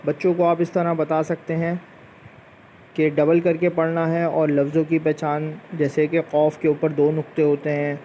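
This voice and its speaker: Man, Quran teacher, slow patient lesson, repeats letters, flat delivery, slightly high voice. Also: a little hiss or hum. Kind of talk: slow spoken tajweed lesson with drawn-out letter demonstrations.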